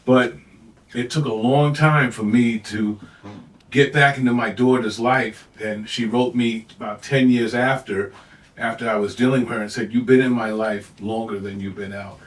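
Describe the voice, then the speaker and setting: An older man, a podcast co-host, telling family stories in a relaxed, reflective way, with lots of "you know"s. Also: medium pitch, normal speed. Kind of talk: casual chat. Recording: echoey room, mic at a distance.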